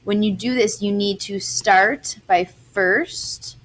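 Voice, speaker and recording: A woman's voice: medium pitch, slow, fairly bright tone. A young adult woman, a math teacher, explaining algebra step by step in a chatty recorded lesson.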